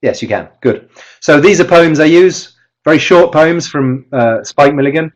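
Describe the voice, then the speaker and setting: A slightly high male voice at a moderate pace comes through a muffled recording. He's a teacher trainer giving a live online presentation via a computer mic with webcam, explaining step by step, repeatedly restarting sentences, and stressing his example words.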